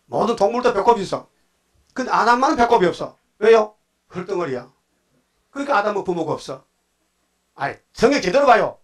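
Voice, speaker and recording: A man preaching a Sunday morning sermon, who often stops to ask his congregation "예?" and slows into a sing-song chant when he reads scripture. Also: sits high. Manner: lively, asks the congregation "예?" and "응?" often.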